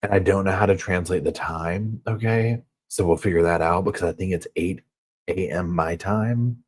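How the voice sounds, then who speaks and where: A true crime channel host with a Southern US accent runs a chatty live stream from a hotel room, reading viewer comments as he goes. His low voice sounds a bit husky and moves at a moderate pace. He rambles, loading his talk with filler words and loose, easygoing asides.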